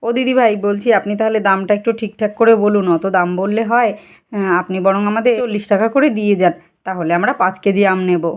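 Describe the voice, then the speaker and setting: A woman's voice: medium pitch, lightly acted. A woman voicing an eager village mother who coaxes and bargains in a chatty way. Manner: quick, coaxing and chatty.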